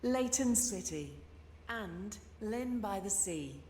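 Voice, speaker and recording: A woman's automated station announcement, built from separate recorded words spliced together so each phrase comes out clipped and flat. It rings out through a long, echoey hall with faint background noise. Her voice sits at a middle pitch. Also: takes it slowly.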